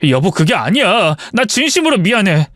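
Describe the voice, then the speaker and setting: Greedy pushy husband, read by a man, lively pitch, dry studio sound. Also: normal speed, dry recording. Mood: groveling. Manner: demanding, then stammering apologies. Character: greedy adult husband, later groveling.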